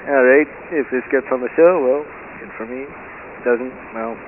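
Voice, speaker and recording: A man's voice: mid-range voice, moderate pace. A man leaving a rambling, offhand message for a show over the phone. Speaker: caller. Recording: tinny hissy phone line.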